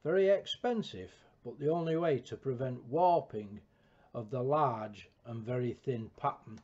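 A man giving a scripted, measured technical narration of an engineering build, with a dull lo-fi recording. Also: medium pitch, a little mellow. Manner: measured, precise technical delivery. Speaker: project narrator.

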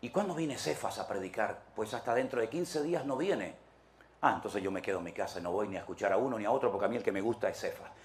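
A male pastor putting on the voice of a fickle, gossiping churchgoer, low and quiet with a chatty mutter. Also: fast talker, echoey room, a little hiss or hum, close to an everyday voice. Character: fickle, gossiping churchgoer who picks favorite preachers.

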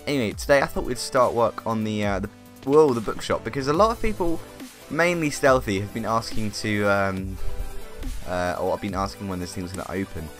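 A man with a fairly low voice talks casually through his gameplay, rambling and drifting onto side remarks. Quiet music plays faintly behind him. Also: a little fast. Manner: chatty and easily sidetracked. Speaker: let's play host.

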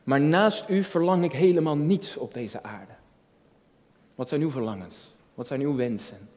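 This junior pastor, a man in his early thirties, has a fairly high, darkish voice and speaks a little slowly. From a lectern on an indoor church stage, filmed at a distance amid long hall reverb, he gives a reflective, personal sermon, earnestly repeating phrases and asking rhetorical questions.

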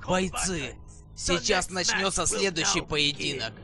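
Slow, ceremonial sorcerer tournament master. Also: male voice, on the high side, pushed and bright, faint music behind. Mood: solemn, imperious. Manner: formal, ceremonial proclaiming. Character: sinister male sorcerer presiding over a tournament. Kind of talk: dubbed video game cutscene acting.

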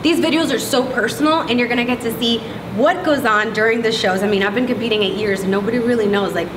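A woman in her thirties, a bodybuilding competitor, talking excitedly and laughing often in a casual interview in a gym. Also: a little high, quick pace, background noise. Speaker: pro bikini competitor, interview guest. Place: large indoor gym, in front of a logo wall. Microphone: far camera mic. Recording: echoey room, picked up from a distance, with clear ambience.

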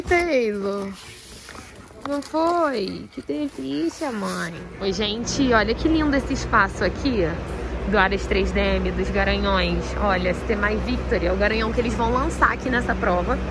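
A Brazilian woman talks straight into her phone at a horse show, gushing and cooing over her horses in a slightly high voice. Loud ambient noise from the grounds runs under everything she says. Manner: chatty, gushing baby talk to horses. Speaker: vlogger and barrel racer. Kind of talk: casual vlog narration.

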